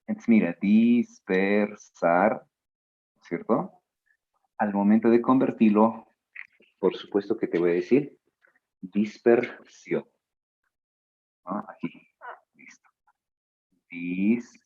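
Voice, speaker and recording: A male teacher giving a spelling lesson, drawing out his words slowly and adding playful asides to his students. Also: lowish voice, husky, narrow, tinny audio. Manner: slow, drawn-out words, playful asides to the listener.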